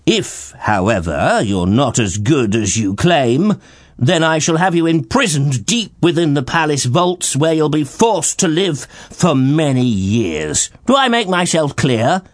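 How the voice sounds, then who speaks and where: A man's voice: on the high side, very animated, unhurried, no room sound, clean studio sound. A man voicing a gloomy, pompous king in a storybook, hemming and hawing before turning stern. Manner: hesitant, hemming, then stern and authoritative. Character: gloomy, pompous middle-aged male king.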